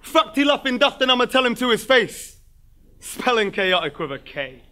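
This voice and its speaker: Brash battle rapper, high and bright. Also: male voice, very animated. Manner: brash, rhymed insults delivered fast and loud. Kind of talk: rap battle verse. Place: live battle venue.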